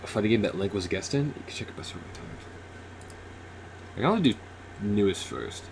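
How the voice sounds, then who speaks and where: A young man reacting on a live stream, rambling and bursting into excited shouts. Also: on the low side, fairly quick, creaky, slight background noise.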